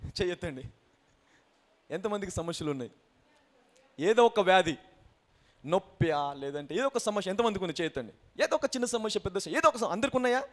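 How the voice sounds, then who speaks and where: Pastor, male, high and very lively delivery, sermon with call-and-response hallelujahs. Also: fairly quick, pauses often. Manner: exhorting the congregation, mixing in English phrases and repeated hallelujahs.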